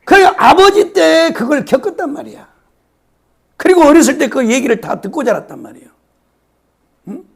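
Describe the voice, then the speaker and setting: A hoarse man preaches a sermon in a gravelly, raspy voice. He repeats phrases for emphasis and at times sinks to a whisper. His pitch sits high and swings widely. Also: very animated, normal speed, pauses often, fairly bright tone. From South Korea, Yeosu-Suncheon area. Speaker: pastor.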